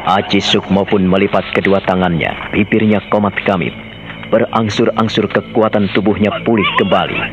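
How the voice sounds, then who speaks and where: A man narrating a radio drama in a steady storytelling manner. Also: fairly low pitch, normal speed, noisy background. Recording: dull radio audio under loud music.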